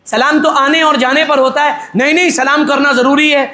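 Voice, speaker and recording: A middle-aged male cleric preaching at a wedding in a very high, bright voice. He talks with forceful energy and jokes with the crowd. He throws in rhetorical questions and acts out little dialogues. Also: steady tone, reverberant. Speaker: Islamic cleric officiating a wedding. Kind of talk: wedding sermon, conversational.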